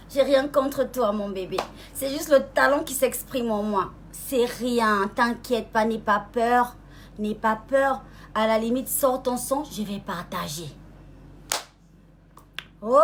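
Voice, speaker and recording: A young woman with a high, bright-toned voice speaks straight to a rival in a casual live-stream rant. She sweet-talks and mocks in the same breath, drawling some words slowly and leaping higher in pitch when irritation takes over. Faint background noise sits behind her. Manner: mocking and sweet-talking, calls the listener "baby", asks "hmm?". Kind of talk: casual taunting monologue.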